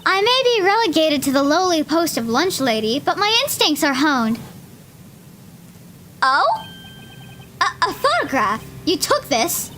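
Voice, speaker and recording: A woman's voice: sits high, sing-song, a little slow, long pauses, sharp tone, slight background noise, full character voice. A woman reading aloud as a haughty, taunting female lunch lady witness in a courtroom game. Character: sharp-tongued adult female ex-detective lunch lady witness.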